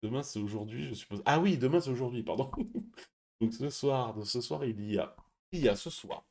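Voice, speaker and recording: A stream host with a mid-range voice and vocal fry chats casually at a moderate pace, reading out viewer messages. He speaks quietly and laughs often.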